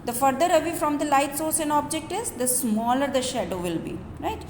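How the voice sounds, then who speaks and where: Higher-pitched woman teaching in echoey room. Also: lively intonation, brisk, darkish tone. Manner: earnest, explanatory, often ending phrases with a questioning "right?". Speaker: school teacher. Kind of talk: school lecture to students. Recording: echoey reverberant room with background noise.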